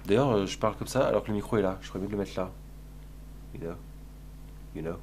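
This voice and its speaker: A man's voice: fairly low pitch, quick pace, a little mellow, a little hiss or hum. A man streaming live, chatting casually in a crude, sarcastic, rambling way while answering his chat.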